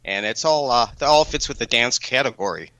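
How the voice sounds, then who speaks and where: Fifties dj guy from wisconsin on a radio show, super bright punchy voice, laid back answers. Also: mid-range voice, fairly quick, poor audio. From Wisconsin, USA. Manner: easygoing, relaxed answers with fillers. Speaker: nightclub DJ, interview guest. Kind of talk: casual radio interview.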